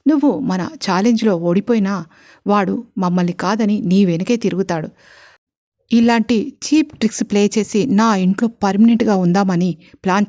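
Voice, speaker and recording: A woman's voice: mid-range voice, dark tone, no room sound, close to an everyday voice. Harsh, scornful mother-in-law for an audio drama, done by a woman narrator, dry close sound. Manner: scolding, contemptuous.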